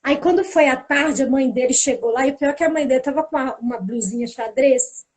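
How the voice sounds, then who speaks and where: A woman teacher, casually telling a lively anecdote about a school day and acting out what people said. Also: high voice, a little fast, a little hiss or hum. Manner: lively storytelling, acting out the dialogue. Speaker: teacher and pedagogical coordinator.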